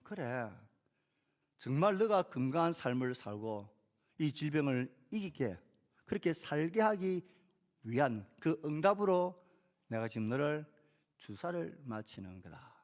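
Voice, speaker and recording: A man voicing a gentle reassuring father. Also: a little high, very animated, a little slow. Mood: patient. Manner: gentle, patient explaining. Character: calm reassuring father answering his child.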